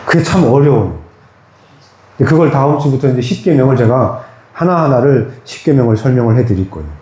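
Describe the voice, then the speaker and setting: A pastor preaches a sermon in a small church with an echoey room, speaking conversationally and putting questions to the congregation. His medium-pitched, darkish voice is animated and brisk.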